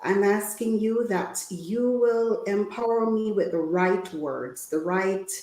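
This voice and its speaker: A Jamaican woman gives an informal, preacher-style talk on women's health as a guest speaker, drawing her listeners in with questions. Her voice is mellow and medium in pitch, and the room sounds echoey.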